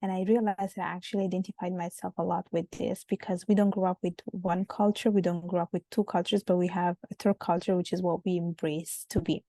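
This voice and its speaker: A woman, a podcast guest speaking reflectively in measured, searching phrases. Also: fairly low pitch, little pitch movement, mellow, no room sound. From Italy. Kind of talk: casual interview conversation.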